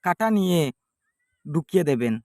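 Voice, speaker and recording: Using only his device's built-in mic, a man with a fairly high, expressive, gravelly, slightly mellow voice walks through a home ritual step by step, pausing and circling back to repeat each instruction. The sound is close and dry, with almost no room echo.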